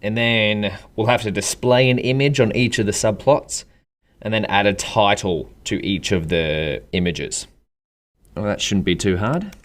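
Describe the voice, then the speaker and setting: A man's voice: lowish voice, measured pace. Australian man narrating a coding tutorial. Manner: relaxed, chatty, thinks aloud while typing. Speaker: programming instructor. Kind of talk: screen-recorded coding tutorial. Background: keyboard typing.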